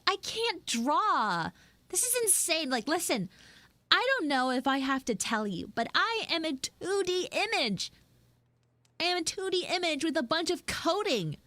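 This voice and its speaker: Her voice sits very high, pushed and bright, captured in a dry recording. She's a VTuber doing audio roleplay, improvising livestream chat as a tsundere tomboy schoolgirl who is flustered and whines with dramatic exasperation.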